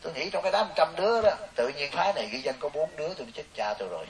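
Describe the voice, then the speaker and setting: This slightly high male voice comes in rapid bursts as a Buddhist monk entertains lay listeners with a humorous, story-driven dharma talk. He animates his tales by voicing the characters. The audio sounds distant and hissy.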